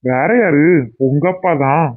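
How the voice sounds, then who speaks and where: A man with a slightly high, unhurried voice plays a young cartoon husband affectionately pleading with and making up with his wife. The recording sounds tinny, like a phone.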